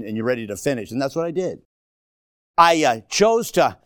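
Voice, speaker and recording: A man's voice: mid-range voice, dry recording, studio quality. A man in his sixties preaching a sermon to a congregation, emphatic and exhorting, repeating phrases for effect. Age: 60s. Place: church before a congregation.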